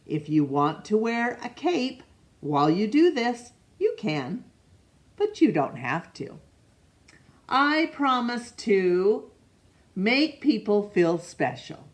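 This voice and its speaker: Very animated and medium in pitch, a woman reads a picture book aloud to children as a storytime reader. She keeps a slow, gentle manner, stops to ask the listener questions, and sometimes has to reread a name after stumbling.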